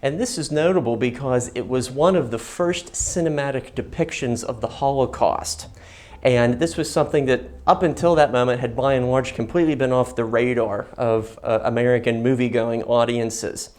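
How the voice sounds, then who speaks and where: A man with a mid-range voice presents a guided history tour on location. He explains things informally, in measured phrases, and stresses key words as he goes. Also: medium pitch, darkish tone. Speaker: host of a history and film channel, guiding a museum tour. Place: inside a museum gallery.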